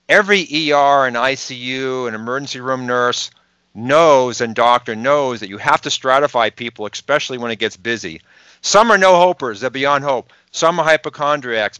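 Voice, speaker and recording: A man's voice: mid-range voice, pushed and bright, clear, resonant tone, no echo. A man with a Boston accent, a podcast guest explaining health research in an emphatic way and asking rhetorical questions. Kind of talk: explanatory interview talk.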